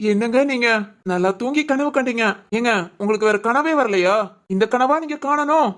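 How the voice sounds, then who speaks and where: A woman voicing a gentle young husband who soothes and teases his wife in a village family drama. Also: a little high, moderate pace, lightly acted. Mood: soothing. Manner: soothing, teasing. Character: gentle reassuring young husband, loving and playful.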